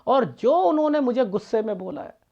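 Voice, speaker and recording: A man's voice: very high-pitched, lively intonation, brisk, creaky, darkish tone, dull audio. A man, a palmist, talking casually and bluntly to his viewers, lecturing and scolding them. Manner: blunt, straightforward talk.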